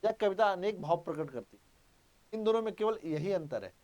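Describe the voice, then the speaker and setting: Male exam-prep tutor, high voice, drills points with repetition and quick questions. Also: expressive, darkish tone. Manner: emphatic, repeats key points, quizzes students. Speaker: teacher. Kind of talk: exam-prep grammar lesson.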